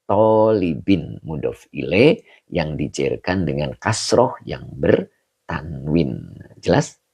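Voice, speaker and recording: A man teaches Arabic grammar on a live stream, reading out and answering viewers' comments as he goes. His low voice is gravelly and husky, and his pitch moves up and down a lot. He speaks at an unhurried pace and often checks in with the listener. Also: very animated, a little mellow. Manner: reads out and greets viewers' comments; explains slowly, with rising checks like "begitu ya". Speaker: religious teacher. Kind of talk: livestreamed Arabic grammar lesson.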